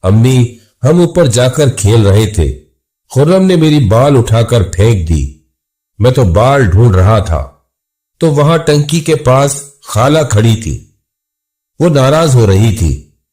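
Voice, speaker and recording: Innocent five-year-old boy in a horror reading, chattering, lively tone, slow, read by a male narrator. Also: medium pitch. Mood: earnest.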